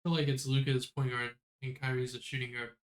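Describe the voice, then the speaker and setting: A man's voice: medium pitch, fast talker. A man co-hosting a podcast, reading out player rankings and chatting casually about basketball. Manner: relaxed, reads out rankings. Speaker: podcast co-host. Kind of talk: casual sports chat.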